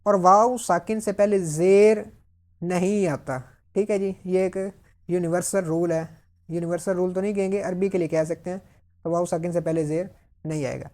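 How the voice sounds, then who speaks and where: A woman teaching Quran reading, sounding out syllables slowly and loudly, then explaining quickly in between. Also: on the low side, fairly even intonation. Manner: drawn-out loud syllables alternating with quick explanations. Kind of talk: slow syllable-by-syllable recitation drill with explanations. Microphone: mic.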